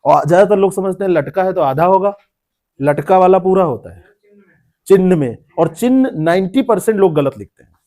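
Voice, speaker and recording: Man teaching a classroom, dark voice. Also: high-pitched, animated, normal speed. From India. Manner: explains word meanings, repeats terms, quizzes students by name. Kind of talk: classroom lecture.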